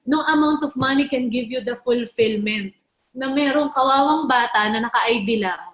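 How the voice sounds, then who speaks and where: High-voiced woman telling stories on stage. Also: normal speed, fairly bright tone, reverberant. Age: around 30. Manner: chatty storytelling, mixing in English, asks the crowd questions. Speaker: network marketing speaker. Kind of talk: motivational stage talk to an audience.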